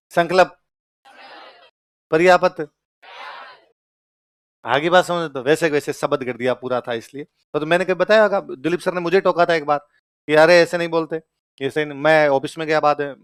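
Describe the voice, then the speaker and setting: A man's voice: fairly high pitch, fast talker, dry recording, clean studio sound. A young man with a Rajasthani accent, giving a joking classroom lecture and quizzing his students. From Churu, Rajasthan. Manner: lively, jokey, asks the class questions. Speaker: teacher.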